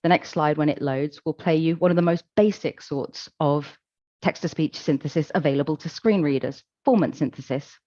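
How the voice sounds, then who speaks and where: A woman giving a conference presentation, explaining in a measured, calm way with occasional fillers. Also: deep voice, no echo, muffled recording. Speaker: conference speaker. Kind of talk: presentation talk.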